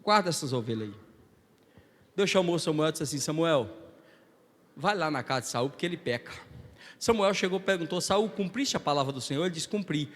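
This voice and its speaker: A male Brazilian guest preacher delivering a Pentecostal sermon, moving from quiet storytelling to shouted, rhythmic calls to the congregation. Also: fairly high pitch, fairly quick. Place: large church hall. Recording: long hall reverb.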